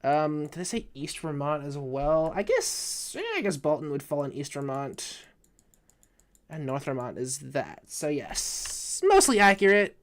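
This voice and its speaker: A man's voice: fairly high pitch, animated, unhurried. A drunk man giving casual live reaction commentary from his room, rambling, swearing and stumbling over his words. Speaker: live streamer reacting to a video.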